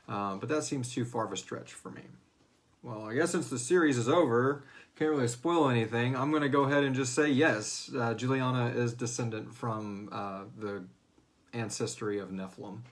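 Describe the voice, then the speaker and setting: A man of medium pitch talks at a moderate pace while hosting a fan Q&A livestream for a serial drama. It's relaxed, unscripted chat full of rambling, hesitant phrasing, and slangy, profane asides.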